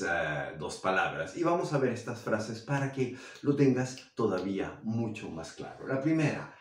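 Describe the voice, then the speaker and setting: Male teacher, patient explainer, unhurried delivery, roomy and distant sound. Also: lowish voice. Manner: slow, drawn-out model sentences in English. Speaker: English teacher. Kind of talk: explaining grammar to learners.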